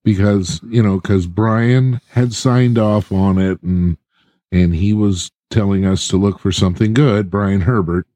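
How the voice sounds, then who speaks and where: A man co-hosts a podcast, telling his view in a relaxed, measured way. His voice is low, mellow and dark. The sound is dry and close. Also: dry recording. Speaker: podcast co-host. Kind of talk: casual podcast chat.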